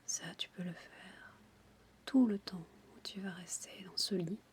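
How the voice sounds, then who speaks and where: Slow, intimate whispering woman. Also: lowish voice, steady tone. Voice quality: breathy, unvoiced intimate whisper. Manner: soothing, slow, instructing the listener directly. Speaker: relaxation guide for childbirth. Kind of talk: whispered ASMR guided relaxation.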